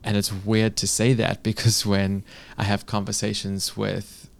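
A man from South Africa talking thoughtfully in a casual conversation, with soft laughs between his points. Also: lowish voice, monotone, unhurried, creaky.

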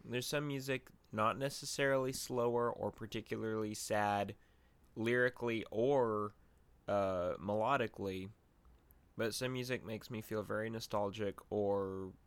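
A man with a fairly low voice speaks very slowly and thoughtfully, full of little fillers, in a casual podcast chat. His voice sounds dry and close to the mic. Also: steady tone, clear, resonant tone, no echo. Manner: slow, reflective, many fillers like "like" and "um". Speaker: podcast co-host.

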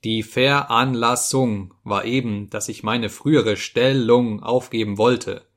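A man playing a prickly young office clerk in an audiobook, raising his voice in a sharp, agitated tone. He sounds thin-skinned and ready to burst at the slightest slight. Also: medium pitch, unhurried. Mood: curt. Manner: sharp, raised, agitated delivery. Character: irritable, touchy young male clerk, easily offended.

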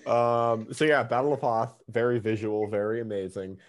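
A man co-hosting a casual movie podcast, enthusiastic and quick to laugh. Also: mid-range voice. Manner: enthusiastic, animated, laughs often. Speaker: podcast co-host.

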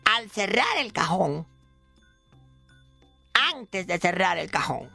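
Milagritos, a fussy gravelly old lady. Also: high-pitched, big pitch swings, takes it slowly, pushed and bright, faint music behind, exaggerated voice. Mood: storytelling. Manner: fretful, pious exclamations, calls people "mi amor". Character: fussy old woman storyteller, prim and easily shocked. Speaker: recurring character on a radio comedy show. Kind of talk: radio comedy sketch.

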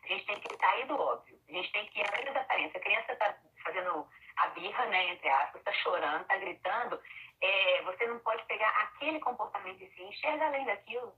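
A woman's voice: mid-range voice, lively intonation, fairly quick. A woman chatting casually about parenting, explaining with everyday examples. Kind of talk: casual chat on parenting and emotions. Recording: dull lo-fi sound.

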